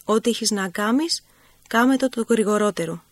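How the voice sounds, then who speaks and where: Christ, grave and gentle, read by a woman. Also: on the high side, dry recording. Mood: solemn. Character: Christ, a gentle, grave grown man teacher.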